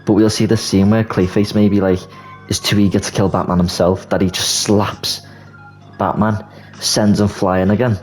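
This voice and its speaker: A young man talks through an imagined film plot in a loose, rambling way, packing in filler words. His voice sits very low. Faint background music runs under him. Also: flat delivery, moderate pace. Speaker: video creator. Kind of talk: casual movie commentary. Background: soft background music.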